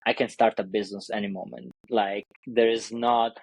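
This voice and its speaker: A man's voice: fairly low pitch, level tone, moderate pace, gravelly, darkish tone, breathy edge, no room sound, low-quality recording. A man with an Italian accent speaking as a business coach in a casual interview, in loose non-native English full of fillers and restarts. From Italy.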